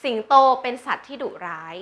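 A woman's voice: a little fast, fairly bright tone. A woman tutoring beginners in English, patient, asking learners questions and drawing out example words for them to repeat. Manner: patient, checks understanding with questions. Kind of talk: slow teaching with example sentences.

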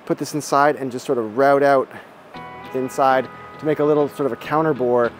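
A man in his forties calmly explaining each step of a repair job while he works in a boat shed. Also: medium pitch, brisk, soft background music. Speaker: boat restorer. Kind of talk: how-to narration while working. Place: boat shed with timber frame, indoors.

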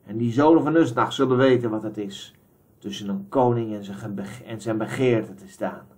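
A man voicing a proud, wrathful king who speaks in a loud, slow, declamatory way. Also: fairly low pitch, natural voice. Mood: commanding.

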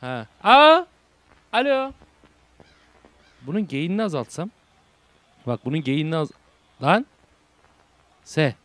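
A young man with a Turkish accent doing casual horror game commentary, reading game text aloud and translating it, jumping between hushed whispers and loud shouts. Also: a little high, animated, normal speed, pauses often, no echo. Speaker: gaming YouTuber. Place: home room. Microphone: desk microphone.

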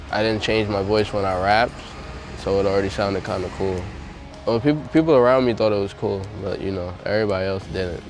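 A young man from Long Island talking casually about his past as a rapper, in loose, slangy speech. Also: on the low side. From Long Island, USA. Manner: laid-back, loose slangy speech with many fillers. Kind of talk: casual interview talk. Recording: music bed behind the voice.

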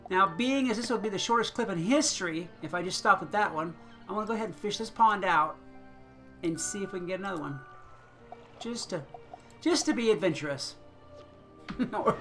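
A gaming channel host chats his way through a game session, relaxed and thinking out loud, with the occasional chuckle. His voice is a little high, gravelly at the edges, bright and forward. Soft game music runs underneath.

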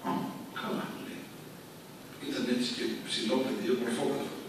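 An older man giving a church lecture, telling a story in a lively way and acting out the dialogue. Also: mid-range voice. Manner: lively anecdote with acted-out dialogue. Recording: echoey hall, far from mic, background noise.

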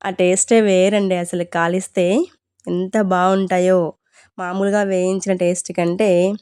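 Lady chatting to her vlog viewers, clear smooth voice, pretty flat pitch, polite and explainy. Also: dry recording, clean studio sound. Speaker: home vlogger. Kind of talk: casual vlog narration addressed to viewers.

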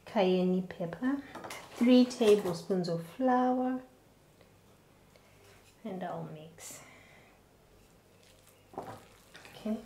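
Slow, measured woman hosting a cooking show. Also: medium pitch, reverberant, a little hiss or hum. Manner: slow, steady instructional delivery. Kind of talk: cooking demonstration to camera. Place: home kitchen, indoors.

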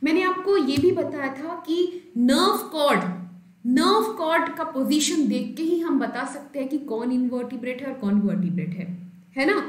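A woman's voice: sits high, moderate pace, reverberant. A woman teaching biology in a live online class. She explains step by step while she draws, often checks in with her students and greets viewers from the live chat. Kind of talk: live online lesson in Hindi-English mix.

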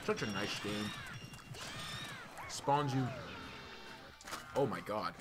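A man's voice: fairly low pitch, animated, slow pace. Chatty young man commentating a game. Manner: chatty, swears often, rambling asides. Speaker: let's play co-host. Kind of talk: casual gaming commentary. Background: game music.

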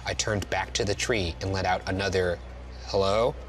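A young man hosting a show, reading a horror story in a measured way and chatting wryly in a dark studio. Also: sits low, steady tone. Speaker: host and story reader. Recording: music playing underneath.

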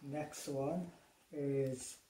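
A man's voice: steady tone, extremely slow, mellow. A man in his twenties chatting casually and hesitantly as he eats his way through a gross candy challenge. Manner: low-key, hesitant, eating while talking through a gross jelly bean challenge. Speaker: amateur taste-challenge vlogger. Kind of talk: casual chat, halting commentary while tasting. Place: living room, seated on a sofa. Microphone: phone or camera a short distance away. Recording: distant mic, roomy echo, clicks, faint hiss.

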